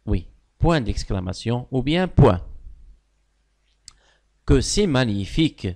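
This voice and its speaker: A man's voice: medium pitch, sing-song, slow. A man teaching a French grammar class, walking pupils through sentence types and praising their answers. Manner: stresses key words with sudden loud lifts. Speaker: primary school French teacher.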